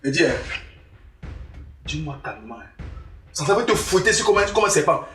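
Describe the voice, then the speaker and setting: A woman's voice: medium pitch, animated, rapid-fire, a bit bright, natural voice. A woman from western Cameroon, playing a stern, proud African father who lectures his son in a comedy skit. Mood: scolding. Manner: lecturing, repeating himself, mocking. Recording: roomy, distant mic, faint music.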